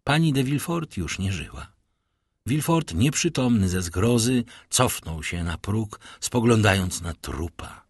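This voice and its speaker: A man narrating an audiobook in an expressive, dramatic way. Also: on the low side, unhurried, husky, no echo, studio quality. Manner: expressive, lively storytelling.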